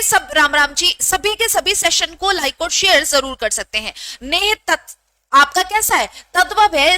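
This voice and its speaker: A woman with a very high, bright voice runs a live online exam-prep class, brisk and teasingly scolding as she repeats every question. The sound is close and dry, with no room around it. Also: dry recording. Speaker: Hindi teacher.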